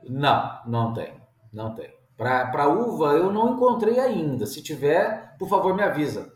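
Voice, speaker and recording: A man's voice: fairly high pitch, very animated, normal speed, roomy sound. A man, a winegrower guest talking casually, plainspoken and repeating words as he thinks. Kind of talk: casual interview chat.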